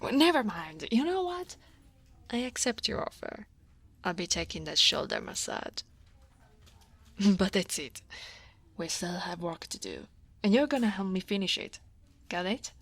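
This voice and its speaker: This time the mood is teasing: an Italian woman with an Italian accent voices a guarded, workaholic dragon woman who is a senior coworker. In a soft, often whispered ASMR roleplay, her mid-range, gravelly voice is exaggerated, wry and self-deprecating with sighs and soft laughs, in a dry recording.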